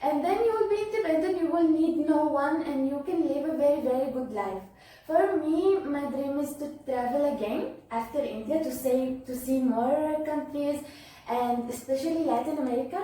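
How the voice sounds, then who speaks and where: A woman's voice: high-pitched, normal speed, mellow. A young woman from Syria, a native Arabic speaker with a Levantine Syrian accent, talking casually as an interview guest and often searching for words. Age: young adult. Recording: distant echoey mic, faint background noise.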